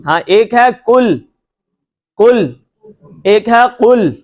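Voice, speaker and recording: A man's voice: sits high, animated, darkish tone. A man teaching Quran recitation in a lecture, patiently repeating points and stretching out letter sounds to demonstrate them, with a reassuring tone. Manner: reassuring and encouraging. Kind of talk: classroom lecture with slides.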